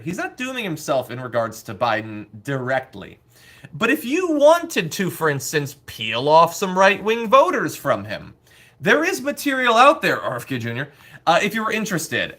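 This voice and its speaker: A man's voice: fairly high pitch, sharp tone. A man hosting a political show with casual, opinionated commentary, sarcastic and exasperated, swearing freely.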